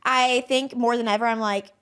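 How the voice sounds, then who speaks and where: A woman's voice: on the high side, fairly even intonation, normal speed, fairly bright tone, smooth. A woman in her thirties co-hosting a podcast, talking in a chatty, upbeat way. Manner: chatty, upbeat, lots of likes and laughs. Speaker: podcast co-host. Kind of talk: casual chat.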